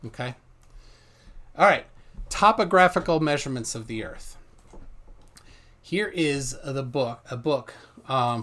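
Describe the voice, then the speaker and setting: A man hosting a live stream, joking and casual, trailing off while working his software. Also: mid-range voice. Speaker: show host.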